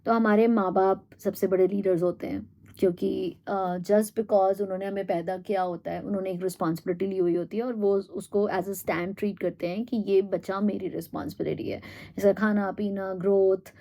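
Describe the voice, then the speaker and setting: A woman giving a reflective monologue, thinking aloud with pauses and fillers and mixing in English phrases. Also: mid-range voice, fairly even intonation, dark tone. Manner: thoughtful, pauses with fillers, mixes Hindi and English. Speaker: host.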